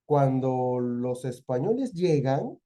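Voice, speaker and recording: A man's voice: medium pitch, sing-song, takes it slowly, mellow. A young adult man from Peru with a Peruvian Spanish accent, teaching a literature review lesson and putting questions to his students before answering them himself. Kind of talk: exam-prep literature lesson.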